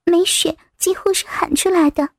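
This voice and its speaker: A woman reading a story aloud as narrator, in a soft, slightly breathy manner. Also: extremely high pitch, steady tone, moderate pace, no echo, studio quality.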